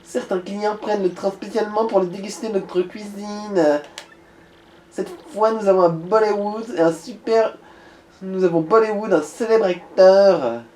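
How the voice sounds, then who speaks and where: A man plays a ditzy young female train hostess from a video game, in a snooty valley-girl voice pitched up. The sound is roomy, with faint noise behind. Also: fairly even intonation, measured pace, darkish tone. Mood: perky, affected. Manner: valley-girl style airhead voice.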